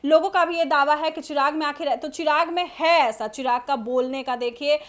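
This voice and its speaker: High-voiced, emphatic woman anchor. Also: fairly quick. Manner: emphatic, repetitive, mixes in English phrases. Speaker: news anchor. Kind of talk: studio panel discussion.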